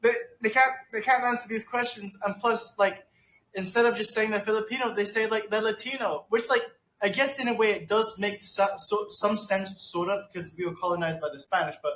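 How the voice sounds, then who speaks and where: Bright high-voiced man in an echoey room. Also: steady tone. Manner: agreeable, quick to chime in with "exactly" and "no way". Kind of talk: casual chat. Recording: echoey room with faint background noise.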